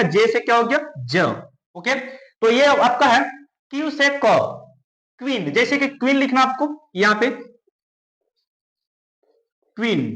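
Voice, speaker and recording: A man with a very high voice teaches English letter sounds step by step, asking a question and then answering it himself. He says each example word slowly, again and again. The sound has the echo of a bare room. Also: sharp tone. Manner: repeats words slowly, asks and answers his own questions. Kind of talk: classroom-style phonics lesson.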